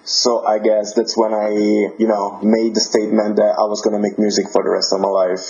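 A young man from Italy speaks English with an Italian accent, friendly and laughing easily as he hunts for the right words. His tone is soft and mellow. The sound comes through somewhat dull and lo-fi, like audio on a remote call. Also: on the low side, monotone, normal speed. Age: 20s. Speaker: guest musician. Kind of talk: casual interview.

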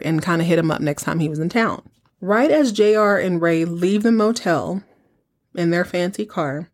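A woman podcast host giving an informal, conversational recap, telling the story with rhetorical questions and asides to the listener. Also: on the low side. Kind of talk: casual chatty episode recap.

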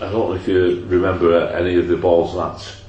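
A man's voice: deep voice, flat delivery, fairly quick, darkish tone, lo-fi sound. A man with a bit of a cold hosting a casual football podcast, rambling and joking with fillers, his voice ringing with strong room echo. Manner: rambling, jokey, trails off with fillers. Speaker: podcast host. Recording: echoey room with faint noise.

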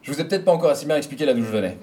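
A man performs a first-person story in a theatrical, dramatic way with deliberate repetition. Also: on the high side, expressive, a little mellow. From Belgium. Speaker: storyteller performing an autobiographical monologue.

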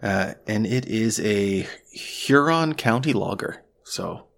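Podcast co-host, man, low-set voice, joking storyteller, casual beer chat in an echoey room. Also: animated, takes it slowly, gravelly, a bit bright. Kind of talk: casual chat over beers.

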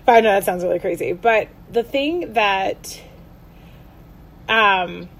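A woman's voice: mid-range voice, lively intonation, slow, creaky. A woman co-hosting a podcast, bubbly and talkative, laughing and trailing off mid-thought. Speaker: podcast co-host. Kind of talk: casual chat.

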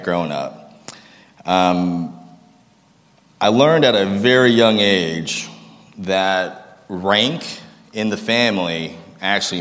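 Deep-voiced man telling his story in an echoing room. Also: fairly bright tone. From Massachusetts, United States. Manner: casual, self-deprecating, jokes with the crowd. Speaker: speaker sharing his life story. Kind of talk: personal testimony talk to an audience. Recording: long reverb of a large room.

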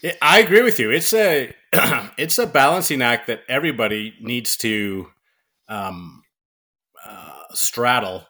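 A male podcast guest with a bright, punchy voice in the middle range. He chats casually, with wry, self-deprecating humour. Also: medium pitch, expressive, measured pace. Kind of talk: casual chat. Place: barn.

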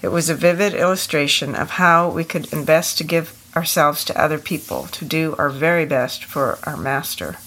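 Low-voiced older woman, steady podcast co-host. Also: normal speed, few pauses.

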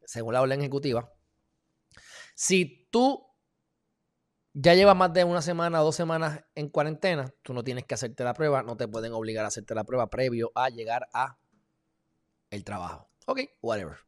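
A man with a Puerto Rican accent giving emphatic, heated commentary in a casual live video, talking straight to his viewers with sudden loud bursts. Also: mid-range voice, normal speed, pauses often. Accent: Puerto Rican Spanish. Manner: informal, addresses viewers as "mi gente". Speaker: live-stream political commentator.

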